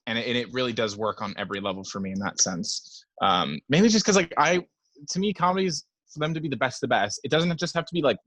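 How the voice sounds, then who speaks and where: A man's voice: mid-range voice, fast, a bit bright, no room sound. A young man talking about films in a casual podcast chat, enthusiastic and rambling with many fillers. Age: young adult. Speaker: podcast guest.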